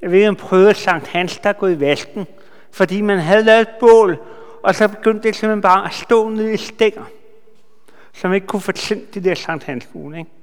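A man giving a sermon, retelling a Bible story with lively asides to his listeners. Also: high-pitched. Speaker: preacher. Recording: long hall reverb.

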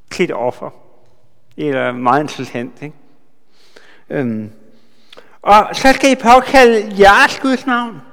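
A man giving a sermon, retelling a Bible story with lively asides to his listeners. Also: high voice. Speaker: preacher. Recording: long hall reverb.

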